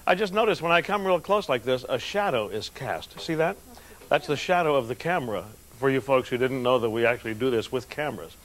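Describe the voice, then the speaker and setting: A man's voice: mid-range voice, expressive, brisk, a bit bright. A middle-aged American man doing off-the-cuff television weather banter. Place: TV studio and outdoor location shoots. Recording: faint background noise, old videotape.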